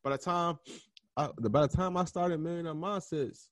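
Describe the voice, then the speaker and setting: A young man hosting a podcast, answering interview questions in a relaxed, slangy way, often pausing and restarting as he thinks aloud. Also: a little high, dry recording. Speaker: podcast host being interviewed. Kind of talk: casual interview conversation.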